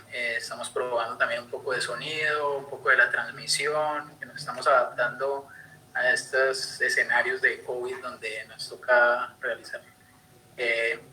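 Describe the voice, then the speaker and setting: Speaking through a computer mic on a video call, this young man from Colombia delivers a conservation talk online in a Colombian accent, stumbling through many fillers and restarts. His voice sits at medium pitch and sounds pushed and bright. The recording is rough, with a little hiss or hum.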